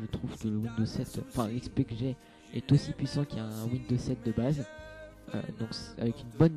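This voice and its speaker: Dark-voiced young man explaining a game. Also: medium pitch. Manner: hesitant, many fillers and restarts. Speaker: game tutorial maker. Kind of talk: casual screen-capture tutorial.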